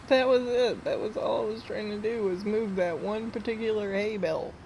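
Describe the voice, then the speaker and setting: A woman's voice: mid-range voice, normal speed, darkish tone, slight background noise. A young woman, chatting casually on a gameplay live stream and laughing often between words.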